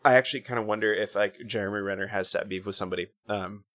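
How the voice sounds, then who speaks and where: Rambling, excitable man chatting about movies. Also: on the low side, quick pace. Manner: rambling, excitable, many restarts and fillers. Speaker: podcast host. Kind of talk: casual movie chat.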